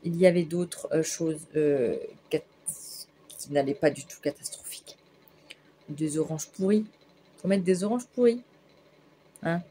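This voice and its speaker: A woman's voice: low voice, measured pace, long pauses, warm tone, a little hiss or hum. A woman vlogging at home in the evening, chatty and rambling with fillers. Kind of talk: casual vlog.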